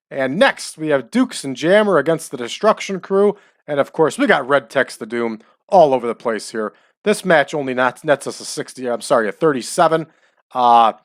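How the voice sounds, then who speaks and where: A man's voice: medium pitch, dry recording. Chatty man in his forties, dry mic. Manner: chatty, rambling storyteller. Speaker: let's-play host. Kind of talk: casual commentary over a wrestling management game.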